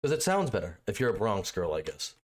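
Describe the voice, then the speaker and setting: Low-voiced opinionated male co-host. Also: very animated, fast. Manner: opinionated, thinking aloud with restarts. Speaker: podcast co-host. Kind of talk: casual political chat.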